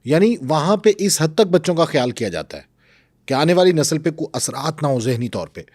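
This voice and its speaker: A man hosting a talk show, asking his questions in a calm, steady way. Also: a little high, dry recording, clean studio sound. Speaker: host.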